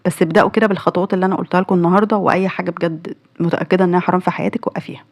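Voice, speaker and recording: A woman's voice: on the low side, steady tone, very fast, a little mellow. A woman with an Egyptian accent hosting a casual religious advice talk, earnestly addressing young women with rhetorical questions. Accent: Egyptian Arabic. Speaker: channel host.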